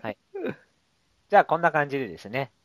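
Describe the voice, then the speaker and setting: A man's voice: medium pitch, lively intonation, quick pace, a bit bright, dry recording. A man co-hosting a show in casual, polite comedic banter, teasing and laughing often. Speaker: radio show co-host.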